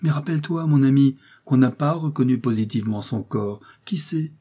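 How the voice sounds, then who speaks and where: A man voicing a gentle, pious peasant wife who pleads softly in an audiobook reading. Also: mid-range voice, normal speed, breathy edge, pitched above the performer's own voice, natural voice. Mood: anxious. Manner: soft, imploring.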